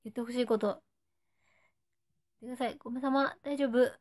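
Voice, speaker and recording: A woman's voice: fairly high pitch, fairly even intonation, quick pace, darkish tone. A playful young woman with a Nagoya accent, chatting on a live stream and saying short cutesy phrases that fans ask for. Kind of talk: casual live stream chat.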